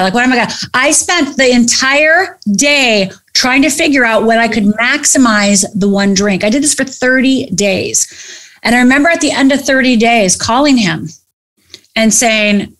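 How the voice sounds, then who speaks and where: A middle-aged woman with a fairly high voice tells a personal story as an interview guest. She is animated and acts out the voices of the people she quotes.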